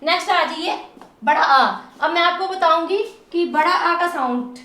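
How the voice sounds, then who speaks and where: A woman teaching English phonics, stretching sounds slowly and spelling words letter by letter. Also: very high-pitched, bright, forceful tone, echoey room. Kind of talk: phonics lesson.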